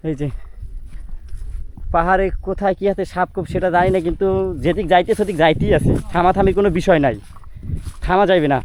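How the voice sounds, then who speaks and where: A man's voice: high-pitched, steady tone, fast talker, pauses often, a little mellow, a little hiss or hum. A young man from Bangladesh with a Barishal Bengali accent, chatting casually through a walking travel vlog outdoors in hill country, exclaiming at the views and out of breath from the climb. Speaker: travel vlogger. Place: hilly border area outdoors.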